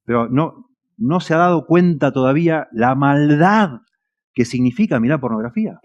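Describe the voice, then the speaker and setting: A man's voice: a little high, animated, normal speed, dull audio. A man with a Rioplatense Spanish accent preaching a sermon as a pastor, earnest and at times emphatic. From Argentina. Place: church.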